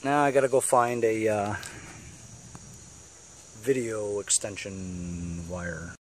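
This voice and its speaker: In and around a cargo van, a DIY how-to video maker chats casually through a hands-on tutorial. He's blunt, colloquial and grumbling, with a lowish voice, fairly even intonation and a slow pace.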